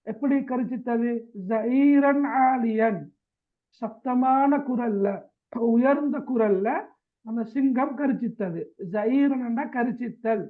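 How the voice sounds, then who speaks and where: A man teaching an Arabic text in class, repeating each phrase and asking students to check they follow. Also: very high-pitched. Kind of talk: classroom translation lesson. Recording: tinny phone-like sound.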